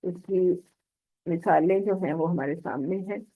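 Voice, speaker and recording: A woman teaching a Quran recitation lesson online, slowly explaining rules and reciting examples while unwell. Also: on the low side, slightly rough. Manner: slow, patient explaining with drawn-out recited examples. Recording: tinny phone-line audio.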